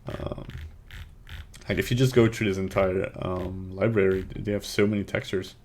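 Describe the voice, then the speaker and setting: Streaming a laid-back 3D tutorial with chat from his desk at home, a young Belgian man with a Belgian accent thinks aloud, rambles and mutters to himself as he works. His low-pitched, darkish voice keeps a steady tone at a moderate pace, over slight background noise and faint typing and clicks.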